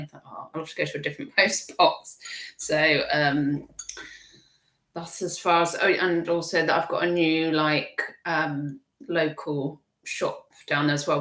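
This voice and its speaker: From her echoey home kitchen, a low-voiced British woman hosts a casual live stream, rambling chattily and reading viewer comments. She keeps breaking off her own sentences and chuckles warmly.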